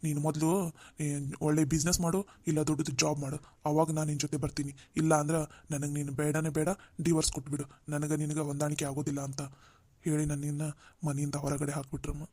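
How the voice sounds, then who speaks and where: A man voicing a humbled, jobless older brother in a cartoon drama, speaking gently. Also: on the high side, completely flat delivery, a little fast, no room sound. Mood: sorrowful. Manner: gentle, pleading, dialect-heavy.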